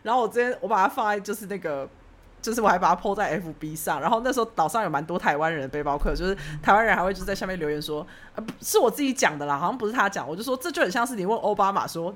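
Lively fast-talking woman telling a story. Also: medium pitch. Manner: animated storytelling, acting out her own past lines. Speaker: podcast host telling a story. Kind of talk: casual chat.

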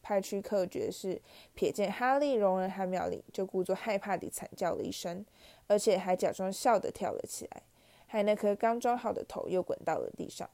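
A woman narrating a children's fantasy audiobook in a steady storytelling manner. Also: mid-range voice, moderate pace.

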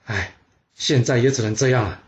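A slow-witted, anxious ancient king, as a male storyteller voices him, puzzled and given to sighing. His voice sits at a plain middle pitch, in spoken history storytelling. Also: dull audio, lightly acted. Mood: resigned.

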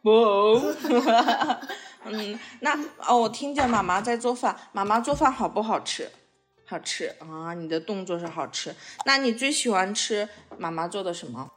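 A woman's voice: mid-range voice, lively intonation, a little slow, faint music behind. A woman hosting a podcast, chatting playfully with a small child in coaxing, sing-song questions. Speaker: podcast host. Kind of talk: playful chat with a young child.

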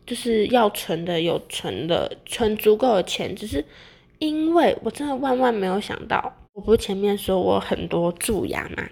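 Chatty young Taiwanese woman with creaky voice. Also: medium pitch, darkish tone. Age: young adult. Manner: rambling, repeats words and corrects herself. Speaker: vlogger sharing personal experience. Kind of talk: casual chatty monologue to viewers.

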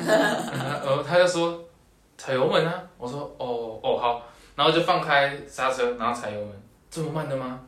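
A young man, co-hosting a podcast with quick, joking banter and casual stories. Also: medium pitch, fairly bright tone. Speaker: podcast co-host. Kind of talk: casual chat storytelling. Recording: roomy echo.

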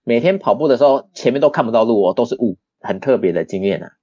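Fast, dry-sounding young man. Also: medium pitch, expressive, dark tone, slightly rough, dry recording, muffled recording. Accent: Taiwanese Mandarin. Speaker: podcast guest. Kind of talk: casual storytelling chat.

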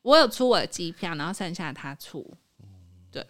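A woman with a Taiwanese Mandarin accent, hosting a podcast and telling a story in casual chat, animated and laughing often. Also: fairly low pitch, moderate pace. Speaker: podcast host.

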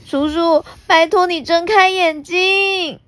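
A woman voicing a small, lonely young dinosaur girl in a storybook reading, in a very high, childlike voice. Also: animated, normal speed, darkish tone, no room sound. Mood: pleading.

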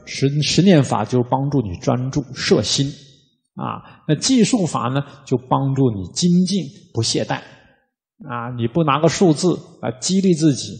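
A man, a Buddhist monk, gives a casual, conversational dharma talk, often opening his phrases with a drawn-out "ah" and sometimes chanting quickly in rhythm. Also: medium pitch, gravelly, darkish tone, in a large hall. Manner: demonstrates rapid rhythmic chanting.

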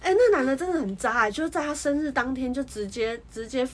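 A woman co-hosting a chatty podcast, her voice high and swooping through a wide range. She tells stories animatedly and laughs often. A faint noise sits under the recording. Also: lively intonation, fast. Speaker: podcast co-host. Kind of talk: casual chat.

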